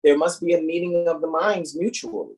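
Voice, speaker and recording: A man hosting a casual talk, reading out definitions emphatically and pausing to check that listeners follow. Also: a little high, steady tone, darkish tone, breathy edge, poor audio. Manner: emphatic, says quote and end quote, checks with "right?". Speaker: host.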